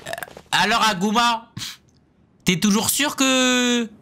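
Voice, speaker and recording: A man giving excited, slangy, sweary live reaction commentary as a streamer, repeating words for emphasis. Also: very high voice, slow, vocal fry, slight background noise. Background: anime episode audio and music.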